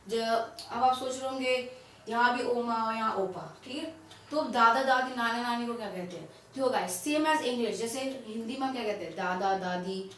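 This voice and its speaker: A woman teaching a language in a casual tutorial, spelling words out letter by letter, repeating them and checking in with quick questions. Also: fairly high pitch. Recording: very echoey room, distant mic, faint noise.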